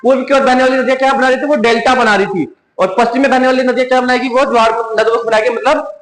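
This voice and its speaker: A man's voice: very high-pitched, fairly even intonation, fast talker, a bit bright, a little hiss or hum. A man with a Hindi accent teaching an exam-prep lesson, repeating each question and answering it himself. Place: coaching classroom. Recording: echoey room.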